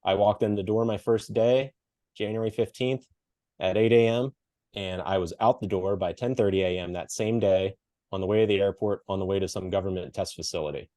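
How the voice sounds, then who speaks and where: A man's voice: lowish voice, fairly even intonation, fairly quick, dark tone, no room sound, clean studio sound. A middle-aged man from Western Pennsylvania telling a story in a casual interview, acting out the people he quotes and laughing often. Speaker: podcast guest, coach and speaker.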